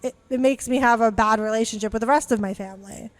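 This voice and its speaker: A young woman talks through a family frustration on a casual podcast. Her voice sits a little high, and she rambles with restarts, fillers and the odd swear word. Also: fast. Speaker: podcast co-host.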